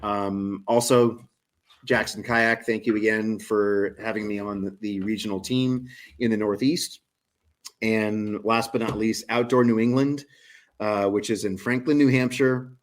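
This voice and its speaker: A man in his forties, a guest on a casual podcast chat, talking with eager, promotional enthusiasm. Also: fairly low pitch. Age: 40s.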